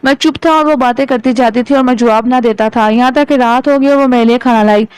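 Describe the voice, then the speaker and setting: A woman narrates an old tale in a steady, measured audiobook reading. Her voice is high and smooth, and the sound is close and dry. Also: dry recording, rough recording. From Pakistan. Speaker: storyteller.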